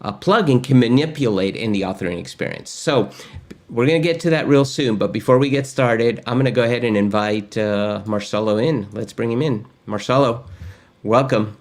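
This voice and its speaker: A middle-aged Argentinian man hosts a casual webinar from his desk in a home studio with a gaming chair, chatting upbeat and with lots of fillers. His voice is medium-pitched and a little mellow, at a normal speed.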